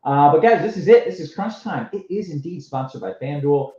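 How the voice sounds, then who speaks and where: A man's voice: fairly high pitch, lively intonation, fairly quick, darkish tone. Muffled, underwater-sounding male host on headset. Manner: laughs easily, loose and joking. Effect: muffled underwater-sounding headset mic. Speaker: show host. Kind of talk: casual live-stream sports chat. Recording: muffled echoey headset line.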